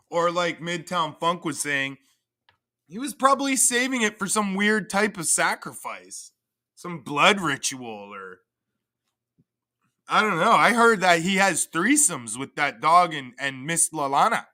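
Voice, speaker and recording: A man's voice: on the high side, very animated, a little slow, sharp tone. A man hosting a livestream, crudely and profanely mocking in a casual rant. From Canada. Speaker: livestream host.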